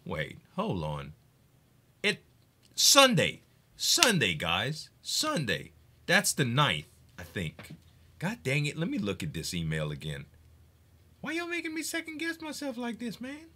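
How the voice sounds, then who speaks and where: Hyping games on a live stream, this man talks in an unhurried, fairly high voice. He's casual and excitable, swearing and laughing often.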